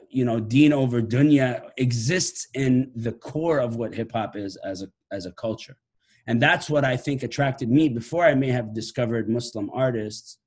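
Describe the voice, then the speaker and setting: This mid-pitched, slightly mellow male voice belongs to an Iraqi musician and professor in his late thirties. He speaks reflectively to camera over a laptop webcam video call from his living room, often restarting his phrases.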